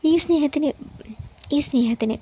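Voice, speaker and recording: A woman voicing a gentle, teasing young man in love, speaking in a coaxing and earnest way. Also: sits high, moderate pace, close to an everyday voice.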